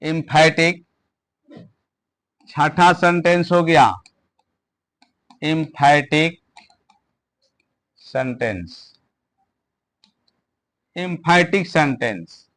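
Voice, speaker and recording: A man teaching English grammar in a classroom lesson, slowly repeating phrases word by word. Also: on the high side. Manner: slow, repeats words one at a time for stress.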